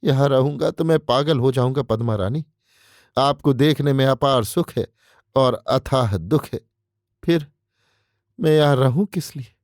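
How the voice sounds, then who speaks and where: A man's voice: medium pitch, measured pace, pauses often, darkish tone, no room sound, studio quality, lightly acted. A male narrator voicing a scheming young man who confesses devotion in flowery, pleading words, read as an audiobook character. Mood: impassioned.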